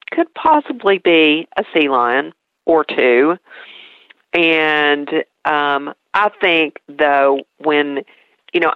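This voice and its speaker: A woman's voice: sits low, clean tone, dry recording, narrow, tinny audio. A woman with an East Tennessee Southern accent, talking as a guest in a conversational interview. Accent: East Tennessee Southern American. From East Tennessee, United States. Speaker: interview guest promoting a show.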